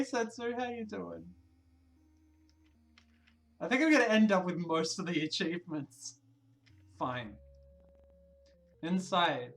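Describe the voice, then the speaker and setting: During a livestream, a game streamer with a mid-range voice quietly reads the narration aloud, breaking off for lively asides to viewers. The recording sounds rough.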